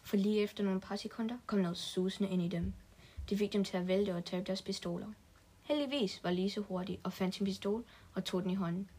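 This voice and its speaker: A woman's voice: medium pitch, fairly even intonation, warm tone, husky. A woman reading a story aloud in a plain manner, with small restarts now and then.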